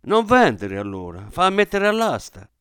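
A man voicing a sharp-tongued, practical middle-aged wife in a dramatic radio reading. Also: high voice, huge pitch swings, moderate pace, clear, resonant tone, no room sound, clean studio sound, pitched above the performer's own voice, full character voice. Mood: sharp nagging. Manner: curt and irritated.

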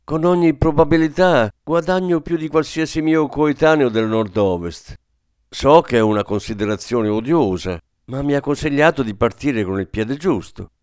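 A man's voice: mid-range voice, normal speed, a little mellow, clear, resonant tone, dry recording, studio quality, voice pushed up, close to an everyday voice. A man voicing an ambitious young man who speaks frankly and earnestly.

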